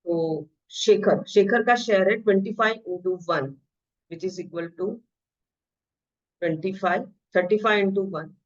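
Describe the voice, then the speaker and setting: A woman teaching an exam-prep math lesson, switching between Hindi and English. She reads the questions out slowly and explains them quickly. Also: medium pitch. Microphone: screen-share voice recording. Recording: slightly dull lo-fi audio.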